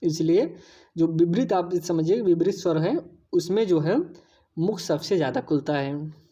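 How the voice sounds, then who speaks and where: A woman's voice: lowish voice, a little slow, dark tone, breathy edge. A woman teaching an exam-prep lesson, explaining patiently, repeating key points and addressing viewers as friends.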